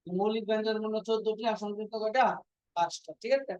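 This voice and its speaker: A woman's voice: mid-range voice, fairly even intonation, fast, darkish tone, no echo. A woman teaching a language class, repeating each point and quizzing her students with frequent questions. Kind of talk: classroom lesson. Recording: dull lo-fi dry recording.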